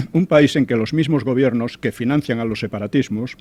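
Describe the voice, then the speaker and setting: Older male commentator, halting delivery, mid-pitched voice. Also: darkish tone, dry recording. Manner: hesitant, with frequent restarts and tag questions. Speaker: historian guest commentator. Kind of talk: conversational radio commentary.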